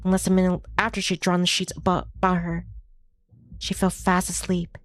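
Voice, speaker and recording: A woman streamer with a lowish voice reads a visual novel aloud briskly and in a monotone, with no echo. She sometimes stumbles on a word and rereads it, and music sits behind her voice.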